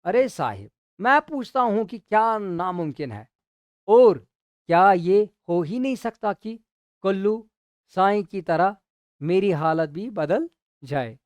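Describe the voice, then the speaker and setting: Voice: mid-range voice, animated, slow pace, no echo. A teacher reading the lines of a hopeful middle-aged clerk who dreams of winning a lottery, in a pleading, insistent way.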